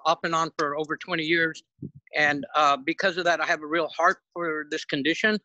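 A middle-aged man, a houseless advocate, speaking haltingly and earnestly with many fillers over a video call that breaks up. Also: fairly high pitch, pushed and bright, dry recording, muffled recording. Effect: heard over a video call that breaks up. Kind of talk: panel remarks on a video call. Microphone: dialed in remotely.

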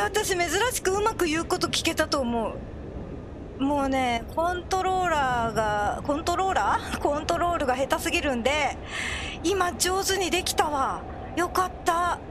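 Very high-pitched excitable woman gamer. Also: moderate pace, background noise. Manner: excitable, cries out when scared. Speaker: video game player. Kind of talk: horror game playthrough commentary.

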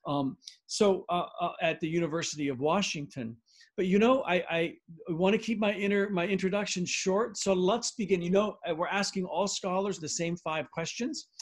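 Husky older man interviewing on video call. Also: sits high, normal speed. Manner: hesitant, many restarts, gracious. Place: home study lined with bookshelves.

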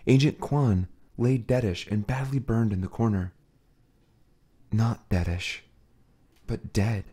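A man narrating an audiobook with a steady, dramatic reading. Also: lowish voice, slow, slightly rough. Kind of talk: scripted narration.

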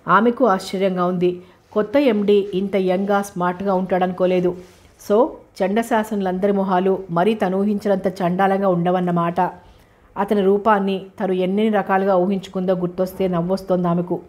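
A woman narrating a novel aloud as an audiobook narrator, in a steady, measured reading. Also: medium pitch.

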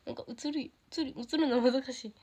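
A bubbly teenage girl with a Kansai accent chats casually on a livestream, reading out fan comments. Her voice sits fairly high and she is quick to laugh and light up. She keeps a relaxed, friendly chat going with her fans. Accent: Kansai Japanese. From Japan. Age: teens. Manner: bubbly, giggly, easily delighted by comments. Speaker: idol streaming to fans.

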